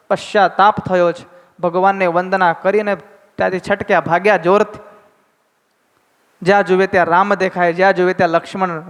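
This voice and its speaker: High-voiced swami preaching in a hall. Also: male voice, smooth. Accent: Gujarati. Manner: dramatic, voices the characters in dialogue. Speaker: swami giving scripture discourse. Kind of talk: devotional storytelling sermon with chanted verses. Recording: long hall reverb.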